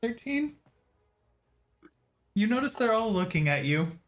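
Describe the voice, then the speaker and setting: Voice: medium pitch, big pitch swings, unhurried. A game master refereeing a tabletop role-playing session in a casual way, with music behind.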